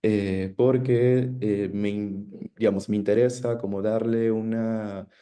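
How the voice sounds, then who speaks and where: Speaking on a video call for a panel presentation, this guest artist from the Peruvian Amazon has a low, mellow voice with fairly even intonation. His account of his art practice is reflective and halting, full of pauses and tag questions.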